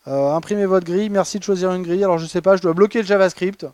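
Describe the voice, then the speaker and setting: A man's voice: sits high, steady tone, fast, darkish tone, dry recording. A man presenting a humorous award talk at a conference, ironic and chatty with many fillers and restarts. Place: conference hall.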